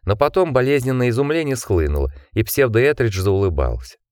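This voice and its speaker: A man narrating an audiobook in an expressive reading style. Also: medium pitch, brisk, no echo, clean studio sound. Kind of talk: scripted narration.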